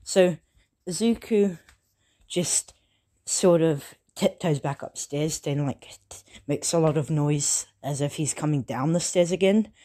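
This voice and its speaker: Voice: mid-range voice, a little slow, dark tone. A storyteller retelling a fan story casually, full of fillers and self-corrections.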